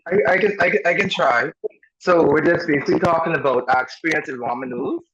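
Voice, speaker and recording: A man's voice: a little high, fast, dull audio, a crowd in the background. A man joining as a remote guest, talking in a loose, rambling way over glitchy online call audio that keeps breaking up. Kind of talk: casual chat. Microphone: computer or phone mic on a video call.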